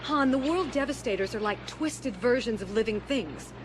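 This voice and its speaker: An actress playing a determined rebel princess and leader in an audio drama, speaking earnestly and articulately. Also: female voice, a little high, lively intonation, normal speed, background noise, close to an everyday voice. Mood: urgent briefing. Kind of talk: audio drama acting over orchestral score.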